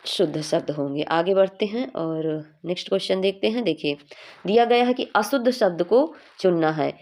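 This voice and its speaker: A woman's voice: fairly low pitch, moderate pace, darkish tone. A young woman teaching a Hindi exam revision class, explaining each answer patiently and often checking in with her students.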